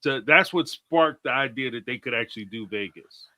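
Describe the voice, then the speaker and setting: A man's voice: medium pitch, moderate pace, dry recording. A man co-hosting a casual live-stream discussion, joking and reading viewer messages aloud. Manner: jokey, animated, reads viewer messages aloud. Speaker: co-host of a reality TV discussion stream.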